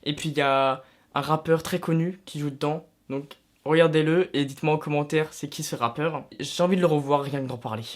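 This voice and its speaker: A man's voice: a little high, brisk. A young man from France chatting casually to his viewers, recommending films and series with self-mocking asides. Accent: French. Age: young adult. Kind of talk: casual vlog talking to camera.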